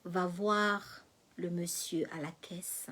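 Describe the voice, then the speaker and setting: A woman playing a helpful woman stranger who confides advice in a hushed, near-whispered voice. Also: on the low side, fairly even intonation, slow, pitched below the performer's own voice, full character voice. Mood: confiding.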